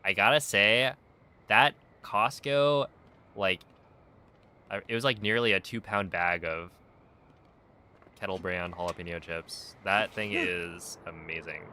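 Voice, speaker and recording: A man's voice: low voice, measured pace, long pauses, bright, forceful tone. A man streaming a speedrun, chatting casually and easygoingly while reacting to his viewers' messages. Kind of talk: casual live-stream chat.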